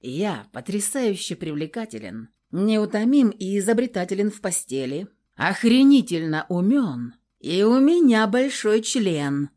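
A woman's voice: medium pitch, big pitch swings, unhurried, few pauses, mellow. Woman playing a smug, cocky warlock. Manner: smug, drawling, unbothered. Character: cocky, smug young male warlock, brash and shameless.

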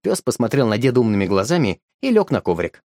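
A man narrating a storybook in a lively, expressive reading. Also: lowish voice, fast, no room sound, studio quality.

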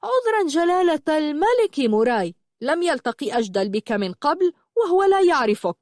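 A man's voice: high voice, very animated, normal speed, no room sound, studio quality. A woman voicing an arrogant young man who was once a horse, speaking in a sneering, mocking way in a read-aloud story.

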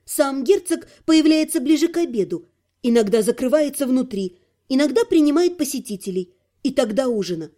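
A man's voice: very high voice, animated, moderate pace, dark tone, voice pushed up. A man reading an audiobook voices a cautious, frank young male servant who speaks in a guarded, matter-of-fact way. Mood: wary.

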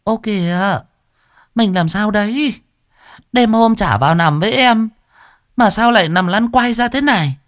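A man's voice: sits high, animated, unhurried, long pauses, no echo, studio quality, pitched above the performer's own voice. A man voicing a coy, simpering young second wife.

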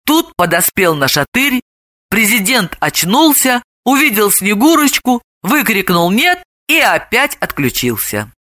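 A woman reads a comic audiobook in a lively, expressive way. Her voice is bright and fairly high, with a lot of movement in pitch. The sound is close and dry. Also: a little slow, no room sound. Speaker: audiobook narrator.

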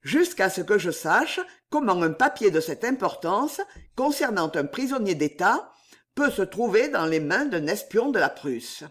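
A man's voice: high-pitched, sing-song, unhurried, a bit bright, full character voice. A man reading the part of a marquis who governs a prison, emphatic and agitated. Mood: suspicious. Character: suspicious, then fearful male fortress governor.

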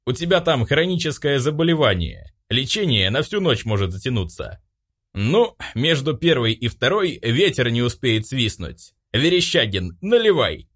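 A man's voice: mid-range voice, very animated, normal speed, fairly bright tone, husky, pitched above the performer's own voice. A man voicing a rowdy, cheeky drunk young man who slurs through boastful toasts.

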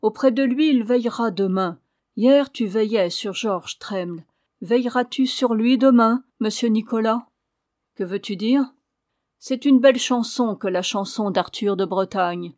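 A woman voicing a strange young albino man who speaks softly and sadly. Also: on the high side, a little slow, lightly acted. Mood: soft warning. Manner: soft, sad, knowing.

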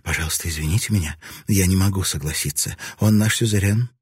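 A man's voice: sits low, slightly rough, no echo, clean studio sound. A man reading a cool, defiant noblewoman. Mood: cool, polite. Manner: quick, level, formally polite. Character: composed noblewoman, cold and defiant. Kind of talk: audiobook character reading.

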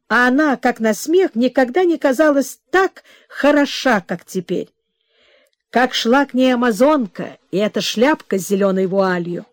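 A woman narrating a classic novel as an audiobook in a measured, expressive way. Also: a little high, no echo, clean studio sound. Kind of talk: scripted literary narration.

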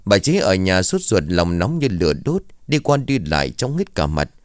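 A man's voice: sits low, big pitch swings, moderate pace, no echo, clean studio sound. A man narrating a ghost story in a dramatic storytelling manner.

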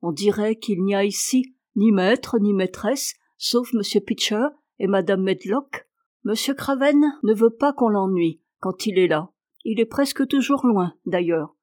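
A woman's voice: mid-range voice, unhurried, darkish tone, dry recording, studio quality, lightly acted. A woman doing a frank country housemaid. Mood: matter-of-fact. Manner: frank, homely, cheerful. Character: plain-spoken good-natured young country maid.

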